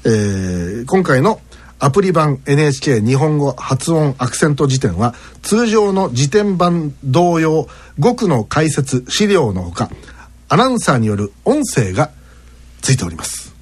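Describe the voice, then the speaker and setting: Very animated yet unhurried, a man with a breathy edge hosts a casual web radio show, reading listener mail and acting out word accents with exaggerated pitch swings.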